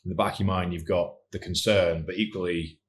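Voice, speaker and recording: A young man from Scotland speaks in a low register as a podcast guest. He is earnest and thoughtful, and he often backs up to restart a sentence. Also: fairly even intonation, a little fast. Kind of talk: casual podcast conversation.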